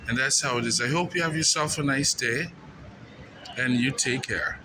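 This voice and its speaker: Speaking at a moderate pace in a mid-range voice, a man offers earnest, plain-spoken and repetitive commentary while informally interviewing people on the street. The outdoor recording is noisy, with traffic audible.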